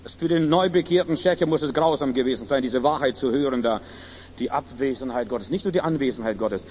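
A man preaching a sermon at a church service, swinging between loud emphatic cries and low quiet asides. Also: brisk, in a large hall, highs cut off, a little hiss or hum.

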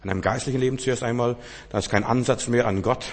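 A husky-voiced man preaches a sermon, pressing his points and then dropping to a hushed tone. His voice rings out with the long reverb of a large hall. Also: mid-range voice, steady tone, fast talker. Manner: emphatic, swings between loud and hushed.

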